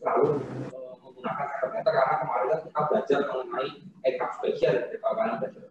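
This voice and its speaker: A man's voice: mid-range voice, quick pace, crowd noise. Man lecturing with heavy hall-like echo. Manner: relaxed, explaining step by step with frequent tag fillers. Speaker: university lecturer. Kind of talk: online programming lecture. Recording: very echoey, distant, dull online-class audio.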